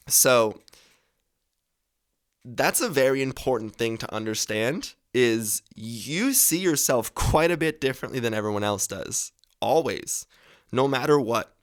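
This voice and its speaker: A man's voice: medium pitch, clear, resonant tone. A man in his twenties hosting a podcast, giving advice in a casual, rambling monologue, swearing freely and correcting himself as he goes. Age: 20s. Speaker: podcast host.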